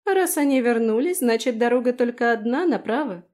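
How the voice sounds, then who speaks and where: A woman's voice: on the high side, lively intonation, a little fast, a little mellow, voice pushed up, close to an everyday voice. A woman reading an audiobook, voicing a proud young noblewoman who fakes tearful pleading and then turns mocking.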